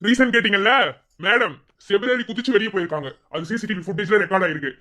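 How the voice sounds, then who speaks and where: Cartoon role: man as strict scolding principal, high and rapid. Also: bright, forceful tone. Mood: stern. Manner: lecturing, scolding.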